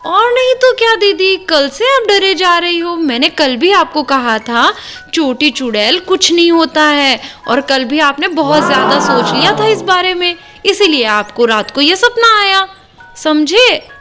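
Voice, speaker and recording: A woman's voice: very high-pitched, animated, a little slow, bright, forceful tone, faint music behind, full character voice. Woman voicing a teasing, sensible young woman. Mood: reassuring. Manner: teasing, reassuring. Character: cheerful sensible younger sister-in-law. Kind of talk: doll-play storytelling.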